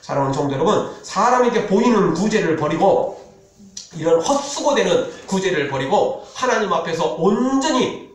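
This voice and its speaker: A male pastor preaching a sermon with animated delivery, dropping to a solemn tone for scripture. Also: sits high, moderate pace. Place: church sanctuary. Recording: echoey church hall, mic from a distance.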